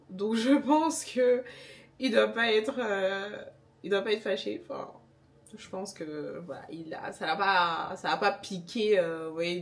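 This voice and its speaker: Young woman, casual vlog chat, chatty, animated, wry, handheld camera at home. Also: medium pitch, recorded from a distance. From Senegalese background. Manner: chatty, animated, wry about her tastes. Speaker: vlogger. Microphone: handheld pocket camera.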